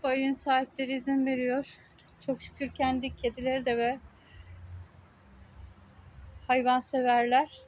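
A woman's voice: high voice, completely flat delivery, normal speed, long pauses, a little mellow. A woman vlogging outdoors in casual talk, speaking indignantly in short, emphatic, repeated phrases. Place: outdoors on a street.

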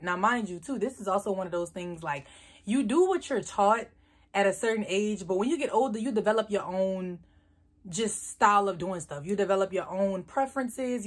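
Chatty husky young woman telling a story. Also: mid-range voice. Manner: animated, chatty, addresses viewers as y'all, swears freely. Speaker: vlogger. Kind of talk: casual storytime.

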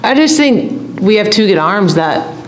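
A middle-aged woman head coach answering reporters' questions at a postgame press conference, speaking in a measured, steady way into a table mic. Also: medium pitch. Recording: echoey room, faint hum.

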